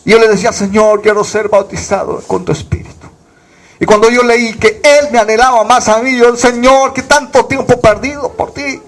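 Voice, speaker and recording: High-voiced Bolivian-born pastor preaching fervently. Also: male voice, steady tone, moderate pace. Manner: fervent preaching with rhetorical questions. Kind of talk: sermon.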